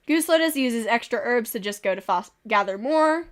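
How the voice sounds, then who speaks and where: A woman streams a game, reading events aloud and adding quick, amused asides and chuckles. She sounds a little sick, coughing now and then. Her voice is slightly high and expressive.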